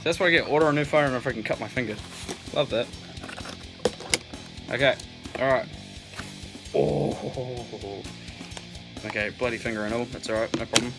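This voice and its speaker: A young man filming a casual unboxing vlog, excitable and swearing a lot, with loud bursts of delight. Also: medium pitch, normal speed, long pauses. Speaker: vlogger. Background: music.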